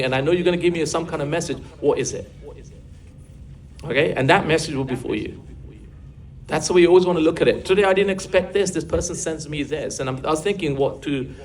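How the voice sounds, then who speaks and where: Older man, fast-paced religious teacher, coaxing, asks the room questions. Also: on the high side, a little mellow. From England. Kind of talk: classroom religious talk.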